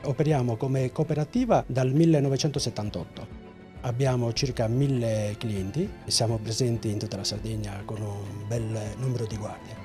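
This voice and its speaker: Male company representative, interview delivery, medium pitch, clear music bed. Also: fairly even intonation, moderate pace. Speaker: security cooperative representative. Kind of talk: documentary interview. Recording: music playing behind the voice.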